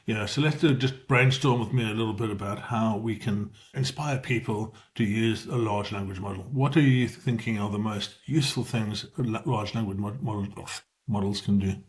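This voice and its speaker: A middle-aged man with a South African accent presents a casual screen-share tutorial, informal and explanatory, correcting himself along the way. He talks at a moderate pace in a fairly low voice with hardly any pauses.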